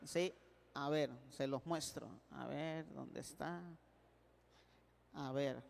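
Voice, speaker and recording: A man's voice: medium pitch, steady tone, takes it slowly, creaky, a little hiss or hum. A priest teaching a class in a playful manner, checking again and again that his students follow him. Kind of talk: classroom lecture. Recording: echoey hall.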